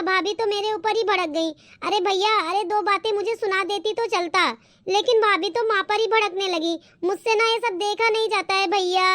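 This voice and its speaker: Woman voicing a sly wheedling sister-in-law, very high. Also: a bit bright, no echo. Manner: wheedling, plays the victim.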